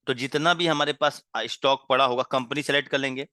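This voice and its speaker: Bright, dry-voiced male trainer. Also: medium pitch, fairly even intonation, no echo. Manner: explains slowly, with frequent "ठीक है" check-ins and asides; pauses to clear his throat and apologize. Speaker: software trainer. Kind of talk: classroom-style lecture.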